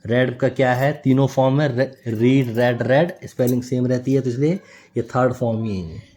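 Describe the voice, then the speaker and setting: A man's voice: mid-range voice, moderate pace, darkish tone. A man teaching a grammar lesson, explaining step by step and often checking with a tag question.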